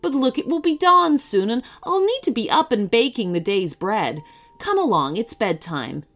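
A woman voicing a kind, patient baker in a storybook, gentle and motherly. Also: sits high, huge pitch swings, a little slow, faint music behind, pitched above the performer's own voice, exaggerated voice. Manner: gentle and motherly, a bit loud.

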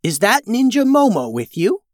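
A storyteller voicing a grumpy female crystal dragon who grumbles in a low, quiet voice. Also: sing-song, moderate pace, no room sound, clean studio sound, close to an everyday voice.

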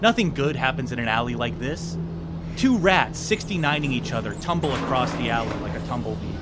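A man working as game master, improvising dramatic and animated narration for a tabletop game. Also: mid-range voice, brisk, over loud music.

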